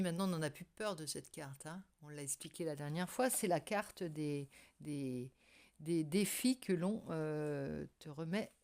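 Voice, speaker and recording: Woman, slightly low pitch, casual tarot host, hesitant delivery, searching for words. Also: a little mellow. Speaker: tarot reader and channel host. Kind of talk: casual tarot card reading to viewers.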